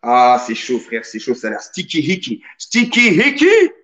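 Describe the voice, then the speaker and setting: A man's voice: medium pitch, wildly swooping pitch, a little slow, fairly bright tone, muffled recording. A man hosting a live radio show, joking and teasing while reading out the chat. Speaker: radio host.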